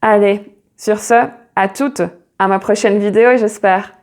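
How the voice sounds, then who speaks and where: Slow, patient woman teaching English. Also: mid-range voice, steady tone. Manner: slow, patient, repeats English words to model pronunciation. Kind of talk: online pronunciation lesson.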